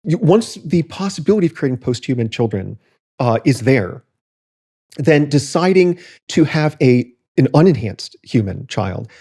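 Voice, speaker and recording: Podcast guy reading quotes out and picking them apart, kinda high but mellow voice, lots of uh and like. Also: slightly rough. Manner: reads quotes aloud and comments critically, frequent fillers and restarts. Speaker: podcast co-host. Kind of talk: casual podcast discussion.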